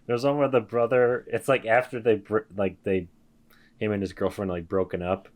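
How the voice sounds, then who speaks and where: A man's voice: fairly low pitch, flat delivery, normal speed. A young man co-hosting a podcast, talking about a horror film in a laid-back, joking way with casual swearing. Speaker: podcast co-host. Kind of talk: casual movie review chat.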